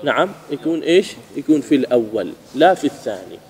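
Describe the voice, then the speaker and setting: A man teaching a grammar lesson, asking his students questions and repeating key phrases slowly. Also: medium pitch, very animated, a little mellow.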